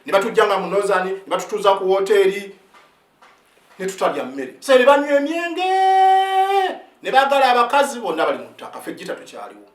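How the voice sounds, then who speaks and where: A man in his fifties, an army sergeant and native Luganda speaker, speaks passionately and very animatedly in a high voice at a quick pace. He switches between Luganda and English phrases, stumbles and restarts, and repeatedly asks his audience "eh?". He's recorded from a distance, with a roomy sound set back from the mic.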